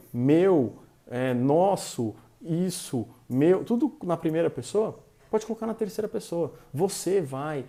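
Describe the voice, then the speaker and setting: Animated gravelly-voiced Brazilian man. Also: fairly high pitch. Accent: Brazilian Portuguese. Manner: animated, explanatory, frequent fillers. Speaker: network marketing presenter. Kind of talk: motivational book summary.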